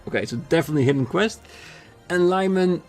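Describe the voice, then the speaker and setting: A man hosting a let's play, reading the dialogue aloud and thinking through choices out loud, often apologetic and laughing. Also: high voice, expressive, fast talker, faint music behind.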